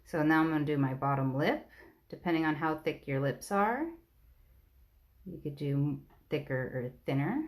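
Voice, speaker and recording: A woman's voice: sits low, normal speed, pauses often. A woman art teacher giving a patient, step-by-step drawing lesson on a live stream.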